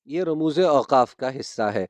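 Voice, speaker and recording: A man's voice: medium pitch, animated, darkish tone, dry recording. A man teaching a grammar lesson, patiently repeating key terms and checking that his students understand. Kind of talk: grammar lesson explaining punctuation.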